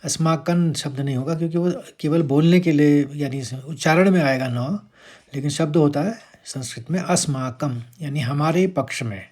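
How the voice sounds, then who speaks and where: A man teaching how to pronounce a Sanskrit verse, patiently breaking words into syllables and chanting the lines louder and drawn out. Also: fairly high pitch, moderate pace. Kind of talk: verse pronunciation lesson.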